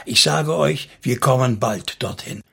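A man's voice: mid-range voice, measured pace, gravelly, pushed and bright, husky, heavily acted. Kaleb, a man doing a grumbling old elder. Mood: earnest. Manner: murmuring, grumbling.

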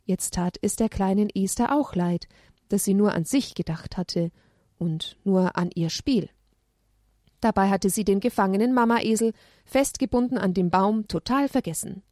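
A woman narrator reads a children's Bible story aloud in an even, storytelling way, her voice at a middle pitch. The recording is dry and close, without any room sound.

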